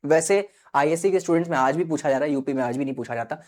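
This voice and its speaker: A man's voice: fairly high pitch, racing, darkish tone. A male teacher giving an online exam-prep lecture, explaining step by step and often checking in with his students. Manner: explanatory, keeps checking in with students, mixes in English terms. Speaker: accountancy teacher.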